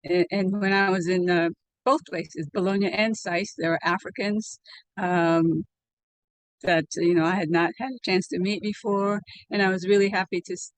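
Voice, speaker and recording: An older woman from Liberia, recounting her past in an oral history interview over a video call, speaking in a measured way with many fillers. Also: on the low side, no room sound. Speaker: interviewee, alumna. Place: home room, indoors. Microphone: video call webcam.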